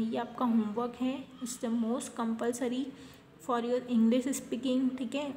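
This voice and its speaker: An Indian woman teacher walks young children through English verb lists at a slow, patient pace. Her voice sits fairly high, and she checks in after each few words. Faint noise hums behind her. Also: dark tone, reverberant. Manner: slow, patient drilling of word lists with repeated "theek hai" checks.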